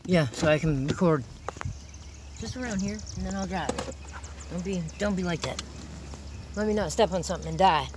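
A woman, chatting excitedly and swearing while filming an abandoned site on her phone. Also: fairly low pitch, normal speed, pauses often. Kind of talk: casual chat while exploring. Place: outdoors by abandoned buildings and in a car. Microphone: handheld phone. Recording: noisy outdoor phone recording.

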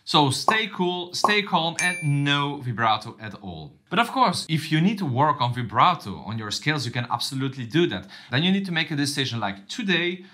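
A man teaching a cello lesson, speaking directly and warmly to viewers, calling them his friends, with slightly unusual English phrasing. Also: mid-range voice, very animated, a little fast, few pauses. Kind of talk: instructional video lesson.

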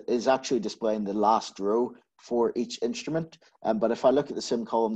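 A man giving a methodical screen-share software walkthrough, explaining each step with frequent filler sounds. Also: lowish voice, slightly rough, dull audio. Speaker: solutions architect giving a software demo.

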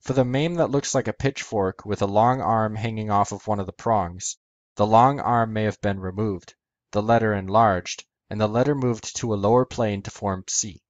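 A man with a fairly low voice delivers a scripted lesson, walking through each point in careful order. The sound is dry and close, with no room around it. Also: steady tone, moderate pace, no echo, dull audio. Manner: methodical, step-by-step explaining. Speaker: educational video host. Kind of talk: scripted explanatory narration.

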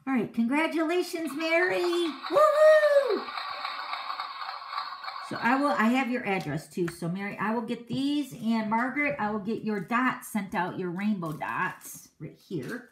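A woman's voice: mid-range voice, animated, moderate pace, few pauses, a bit bright, slight background noise. A middle-aged woman hosting a card-making livestream, chatting casually with viewers in a boisterous, outspoken way and laughing often. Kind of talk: casual live-stream chat.

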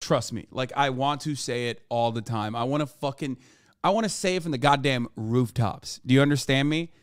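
A man's voice: medium pitch, normal speed, clean tone, no echo, clean studio sound. Profane, blunt male streamer. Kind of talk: casual reaction commentary.

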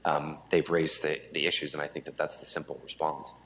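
A man's voice: a bass voice, little pitch movement, a little fast, a bit bright. A man on city staff giving a plain, matter-of-fact answer at a council meeting.

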